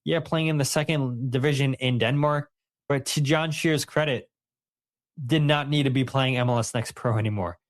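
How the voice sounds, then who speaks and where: A man's voice: medium pitch, moderate pace. A man from the co-hosting a casual sports podcast, rambling and correcting himself as he reads out listener comments. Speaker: podcast co-host.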